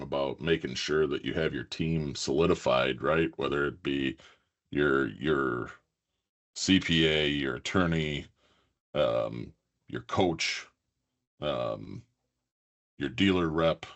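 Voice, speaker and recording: A man co-hosting a business podcast, talking conversationally and often trailing off and restarting. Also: rumbling low. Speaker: podcast co-host, buyer advocate. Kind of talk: casual podcast chat.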